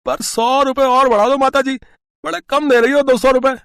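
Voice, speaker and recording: A man's voice: extremely high pitch, level tone, normal speed, vocal fry, fairly bright tone, smooth, no echo, studio quality, full character voice. A man voicing a cheeky, greedy young electrician who chuckles and wheedles for more money in a cartoon story. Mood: sly.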